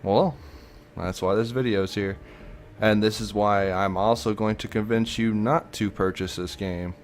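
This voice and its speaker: A man's voice: lowish voice, fairly even intonation, measured pace, a little hiss or hum. A man giving a casual commentary vlog about a video game, blunt and ranting, swearing freely, with many fillers and restarts.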